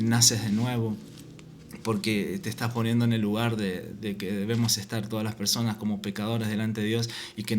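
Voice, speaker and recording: Man, preacher, low monotone voice, halting, repeats himself, reads scripture. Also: a little hiss or hum. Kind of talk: informal Bible teaching.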